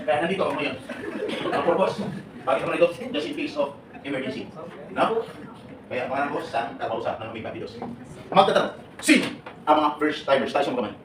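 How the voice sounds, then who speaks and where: A man from the Philippines giving a lively talk to a seminar audience of departing overseas workers. He quizzes the crowd, laughs often and mixes English into his Filipino. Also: on the high side, fast talker, pauses often. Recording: echoey room, distant and noisy.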